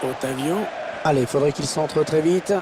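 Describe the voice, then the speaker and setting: A man giving excited play-by-play football commentary for a video game, breaking into shouted calls at big moments. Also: fairly high pitch, normal speed, crowd noise, noisy background. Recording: loud stadium ambience behind voice.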